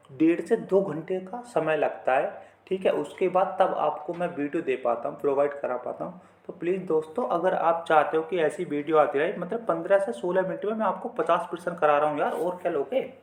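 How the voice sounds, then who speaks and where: Man, slightly high voice; chatty exam-prep teacher who keeps calling the viewers friends. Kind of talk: exam-prep Hindi quiz lesson.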